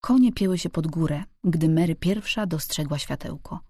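A woman reading a novel aloud as an audiobook narrator, calm and even. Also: low voice, normal speed, no room sound, studio quality. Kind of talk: scripted narration.

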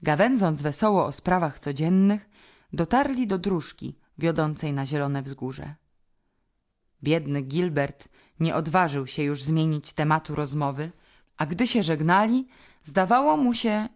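Woman narrating an audiobook, calm even storytelling, steady read. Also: deep voice, measured pace. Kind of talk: scripted narration.

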